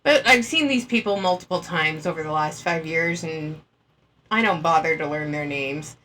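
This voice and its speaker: A woman's voice: sits low, moderate pace, a bit bright, a little hiss or hum. A woman giving casual, blunt and dismissive commentary, talking through an earbud mic. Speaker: anti-MLM commentator.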